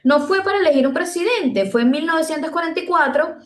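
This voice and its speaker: A woman from Venezuela with a Caribbean Spanish accent gives an informal slide lecture in a conversational, halting way, often repeating words as she thinks aloud. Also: extremely high pitch, animated. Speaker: presenter giving an online talk. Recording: echoey, roomy sound.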